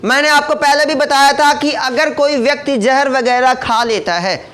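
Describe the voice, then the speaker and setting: A man's voice: extremely high pitch, normal speed, fairly bright tone. A man gives an informal lesson. He keeps checking with his listeners through rhetorical questions and tosses in jokes, in a chatty, down-to-earth tone. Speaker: teacher. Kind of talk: informal classroom lecture.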